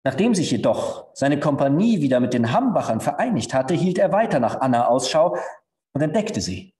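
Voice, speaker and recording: A man, a stage actor, reading a story aloud with expressive storytelling at a live reading. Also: fairly high pitch, moderate pace. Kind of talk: literary reading at a live event. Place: theatre stage. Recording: echoey hall.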